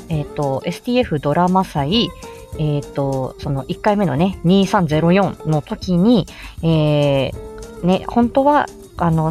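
A woman with a lowish, darkish-toned voice presents an informal instructional livestream on making voice samples. A speech therapist and amateur voice actor, she's chatty and explanatory and greets listeners by name.

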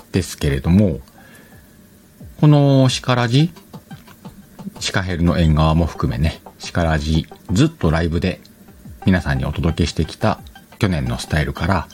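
A man with a low, slightly mellow voice hosts a solo podcast in a casual, chatty style, playfully talking to himself and correcting himself along the way. He's recorded on a computer through an external microphone.

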